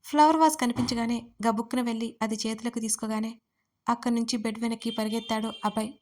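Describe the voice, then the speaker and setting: A woman narrates her own romantic audio story with a fairly high voice. Her delivery is lively and expressive. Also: quick pace. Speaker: writer and narrator.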